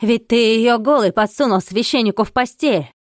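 In an audiobook, a female reader performs a furious, fanatical male monk who shouts curses and accusations, her voice raging and accusing. She pitches it above her own natural register, on the high side yet close to an everyday voice, at normal speed in a dry, studio-quality recording.

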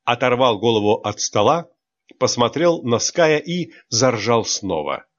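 Slow expressive male audiobook narrator. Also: medium pitch, lo-fi sound. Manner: expressive, theatrical reading.

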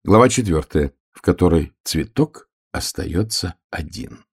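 A man narrating a storybook in an expressive, storytelling manner. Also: sits low, unhurried, husky.

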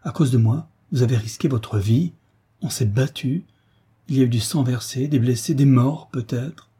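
A man's voice: lowish voice, moderate pace, mellow, husky. A man voicing an alarmed, reproachful old baroness. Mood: distressed. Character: anxious aristocratic older baroness.

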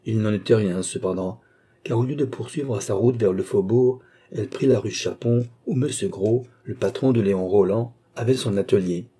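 Middle-aged male audiobook reader, low and husky, measured narration. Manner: measured, steady reading. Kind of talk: scripted narration.

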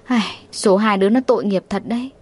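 A woman's voice: medium pitch, brisk, breathy edge, natural voice. A woman reading the lines of an elderly grandmother who heads a wealthy family in an audiobook. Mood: wistful. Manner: commanding, then musing.

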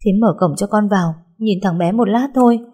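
A woman's voice: medium pitch, fairly quick, dark tone, husky, pitched above the performer's own voice, close to an everyday voice. A woman voicing a young mother who pleads urgently to see her son in a story. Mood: pleading.

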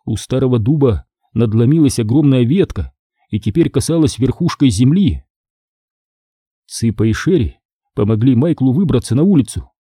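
A man reads a horror story with suspense, slowing down at the tense moments. His voice is very dark and husky, and his pitch moves a lot. The recording is close and dry. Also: expressive, no echo. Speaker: audiobook narrator. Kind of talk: scripted horror narration.

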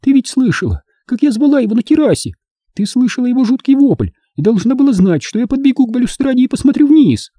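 A man's voice: very high voice, expressive, fast, dark tone, no echo, studio quality, pitched above the performer's own voice. A man voicing a fragile childlike young woman. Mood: plaintive. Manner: plaintive, reproachful.

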